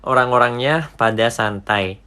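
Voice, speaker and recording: A man's voice: medium pitch, a little slow, sharp tone, clear, resonant tone. A man talking casually and matter-of-factly about his life. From Japan. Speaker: office worker. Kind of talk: casual interview talk.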